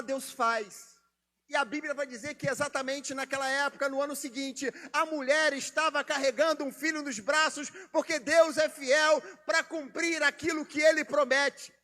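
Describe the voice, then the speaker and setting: A man preaches a sermon in a very high, bright, ringing voice. He swings from impassioned shouts to hushed storytelling. Long church-hall reverb trails every phrase. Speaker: pastor.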